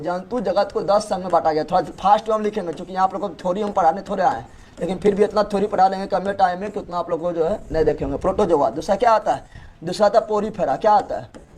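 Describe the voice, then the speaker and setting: A man's voice: sits high, a little mellow, a little hiss or hum. A male teacher gives a classroom lecture, asking a question and repeating the answer over and over. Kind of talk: classroom lecture with call-and-response.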